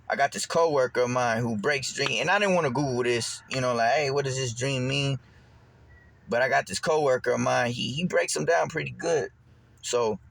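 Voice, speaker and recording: A man's voice: medium pitch, creaky. Man, young adult, casual storytelling, rambling, stumbles and repeats words. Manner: rambling, repeats words and restarts, animated when quoting. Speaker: vlogger.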